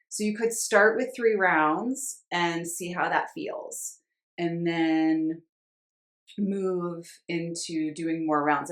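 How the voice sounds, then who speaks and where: Low female voice, slow measured delivery, informal yoga instruction, roomy echo. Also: fairly bright tone. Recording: roomy, echoing sound.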